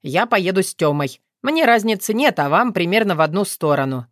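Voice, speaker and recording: A woman's voice: lowish voice, lively intonation, a little fast, dry recording, studio quality, close to an everyday voice. Denis, a woman voicing a mocking young joker. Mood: soothing. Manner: teasing, sarcastic.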